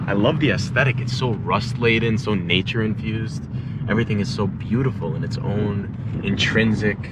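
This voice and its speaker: A man's voice: fairly low pitch, moderate pace, very noisy. A man in his thirties talking casually and enthusiastically to an action camera held at arm's length, outdoors and in a car. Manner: enthusiastic, chatty, jokey. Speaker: travel vlogger. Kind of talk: casual travel vlog.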